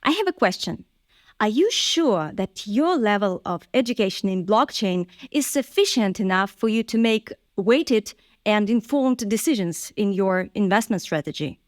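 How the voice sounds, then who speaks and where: A woman hosts an interview and reads a prepared introduction before asking brief questions. Her voice has an ordinary middle pitch and sounds dry and close, with no room echo. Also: expressive, normal speed. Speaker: host. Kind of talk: interview host.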